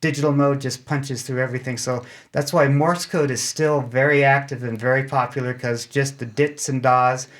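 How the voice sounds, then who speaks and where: An American man appears as an amateur radio club guest in an interview, casually explaining things with plain-spoken anecdotes. His medium-pitched, slightly bright voice stays steady at a moderate pace with few pauses.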